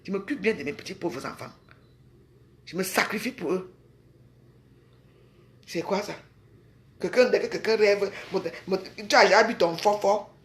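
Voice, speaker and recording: A woman's voice: mid-range voice, normal speed, pauses often. A woman speaks straight to her audience from her own home. She is heated and mocking, and she piles up rhetorical questions and pointed little tags at the end of her sentences. It is an angry, unscripted rant. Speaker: social media personality ranting on a live video. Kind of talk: angry direct-to-camera rant.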